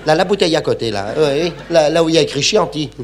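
A man delivers a comic stage monologue with indignant exclamations and mock stubbornness. His voice sits high and swoops widely from line to line. The old recording has a clear noisy hiss behind him. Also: expressive, quick pace. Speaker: comedian.

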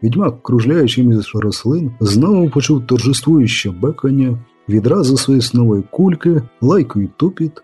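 A man reads a story aloud in a steady, measured way. His voice is dark and husky, and a faint music bed plays underneath. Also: mid-range voice. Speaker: audiobook reader. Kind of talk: scripted narration.

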